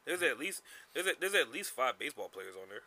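A man's voice: mid-range voice, sing-song, fast talker, vocal fry, sharp tone. A man in casual group banter, ribbing in a brash, opinionated and contrary way with heavy profanity.

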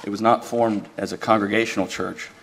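A man speaking as an attorney, giving a measured, deferential, formal oral argument in a courtroom. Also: lowish voice, level tone, fairly bright tone, breathy edge. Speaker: attorney arguing an appeal.

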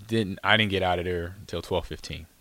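A man's voice: deep voice, fairly even intonation, brisk, sharp tone, no room sound. A man hosting his own show, chatting casually and telling a rambling story full of fillers and laughs. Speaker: show host, former football player. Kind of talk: casual chat.

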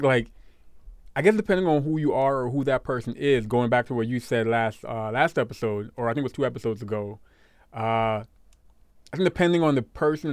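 A man's voice: mid-range voice, no echo, clean studio sound. A man co-hosting a podcast, rambling in casual chat and teasing his co-host. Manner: rambling, teasing, laughs often.

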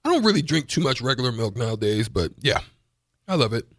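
A male radio co-host in casual, joking banter who gets excitable and hypes himself up. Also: mid-range voice, fast, no room sound, studio quality. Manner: excitable, joking, shouts out and laughs.

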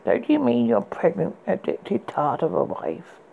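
A man voicing a cold, threatening enchantress who speaks slowly and coolly, higher than his own voice. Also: sing-song, vocal fry, narrow, tinny audio, heavily acted. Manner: cool, slow, threatening. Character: cold menacing enchantress, ageless woman.

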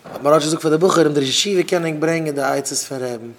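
A man's voice: fairly high pitch, rapid-fire. Emphatic man preaching, phrases repeated. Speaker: rabbi giving a talk. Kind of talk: informal sermon to students.

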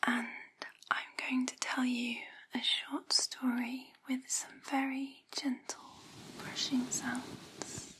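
A woman's voice: high-pitched, little pitch movement, husky. Woman's whispered role-play, right in your ear. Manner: gentle, slow and soothing, giving step-by-step instructions. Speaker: examiner giving a gentle sensory test.

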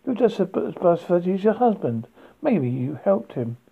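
A woman's voice: lowish voice, big pitch swings, normal speed, gravelly, husky, exaggerated voice. A reader voicing an angry, confrontational woman in her forties who speaks in a scornful, accusing way. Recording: tinny phone-like sound.

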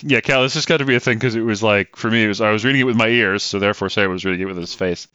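A man's voice: on the low side, racing, sharp tone, clean tone, no echo. A man co-hosting a podcast, chatting reflectively and letting his sentences trail off, on a slightly dull lo-fi mic. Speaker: podcast co-host. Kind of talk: casual chat.

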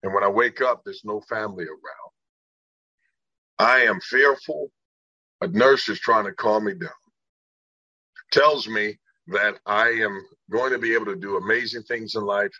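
A man's voice: lowish voice, measured pace, long pauses, bright, forceful tone, dry recording, highs cut off. Earnest middle-aged man telling his story. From Indiana, US. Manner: earnest, acts out the voices of people in his story. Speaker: guest. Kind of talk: personal storytelling in an interview.

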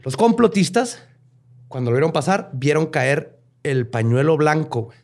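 A Mexican-accented man narrates a history tale in a loose, casual podcast style. His voice sits a touch higher than most men's, and he peppers the story with slang, curses and quick jokes. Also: sing-song. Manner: slangy, swears freely, jokey asides.

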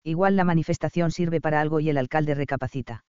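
A man's voice: fairly high pitch, fairly even intonation, quick pace, darkish tone, smooth, no room sound, lo-fi sound, lightly acted. A man voicing a chatty, teasing middle-aged mother in an audiobook. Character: cheerful, meddling middle-aged mother on a ranch.

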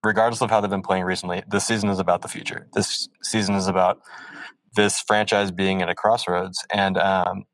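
A man co-hosting a casual sports podcast, thoughtful and measured, with many ums. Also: low voice, little pitch movement, no echo, rough recording. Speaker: podcast co-host.

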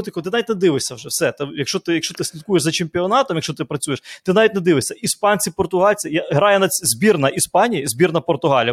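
A man's voice: fairly high pitch, husky. A man who works as a football commentator, co-hosting a casual podcast chat, rambling and correcting himself as he talks.

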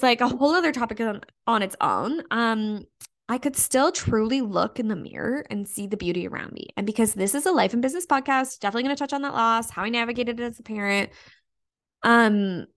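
A young woman hosts her own podcast, speaking straight to her listeners in a loose, emphatic way. Her voice carries a gravelly fry, and she sits at a middling pitch for a woman. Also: a bit bright. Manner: casual, emphatic, peppered with "like" and mild swearing. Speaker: podcast host and business coach. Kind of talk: solo podcast monologue.

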